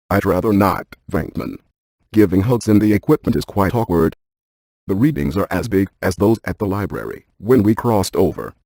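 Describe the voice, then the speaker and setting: A man voices a brainy, stiff ghost-hunting scientist in a video game, delivering lines in a precise, clinical deadpan. His pitch is fairly low, and there's no room sound.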